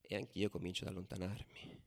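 In a dramatic radio theatre monologue, an actor plays a fervid football ultra recounting stadium riots, his low, gravelly male voice barely shifting in pitch as he talks fast. The mood is tense and subdued, and he swings theatrically between hushed murmurs and loud declaiming. Loud music runs beneath him, making the recording very noisy.

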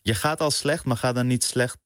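A man being interviewed on the radio as a guest musician, talking in a relaxed, slangy way. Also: mid-range voice, moderate pace, dry recording, studio quality. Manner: relaxed, slangy, with filler questions like "snap je". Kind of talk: casual radio interview chat. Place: radio studio.

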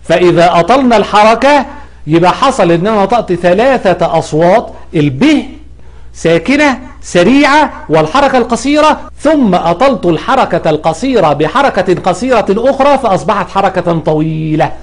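A man's voice: high voice, expressive, brisk. A man with an Egyptian accent teaching an Arabic grammar lesson, explaining patiently and drawing out sounds to demonstrate pronunciation. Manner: corrective, emphatic about common mistakes.

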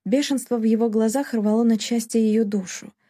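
A woman's voice: a little high, fairly even intonation, moderate pace, mellow, no room sound, studio quality. A woman narrating a novel as an audiobook, in a dramatic storytelling manner. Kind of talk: scripted narration.

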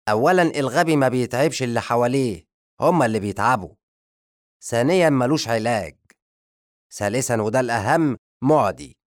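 A man with an Egyptian accent voicing a short-tempered, pompous male sorcerer who shouts and lectures fast. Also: lowish voice, dry recording, clean studio sound, close to an everyday voice. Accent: Egyptian Arabic. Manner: loud, fast, scolding.

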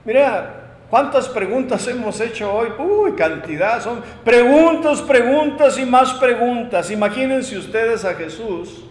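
A man preaching a sermon, emphatic, swinging between loud proclamations and quiet asides, recorded in a church hall. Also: very high voice, expressive, a little slow, few pauses.

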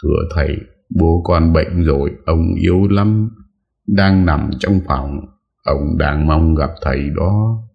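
A man voicing the tearful son of a sick master, speaking slowly and politely. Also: a bass voice, flat delivery, gravelly, lo-fi sound, heavily acted.

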